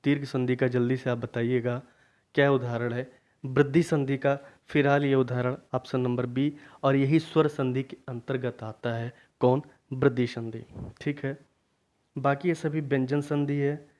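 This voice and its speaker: A man's voice: medium pitch, flat delivery, a little mellow. Man teaching, quizzing himself aloud. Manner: asks questions then answers them himself; repeats key points slowly. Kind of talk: exam-prep grammar lesson. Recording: dull lo-fi recording.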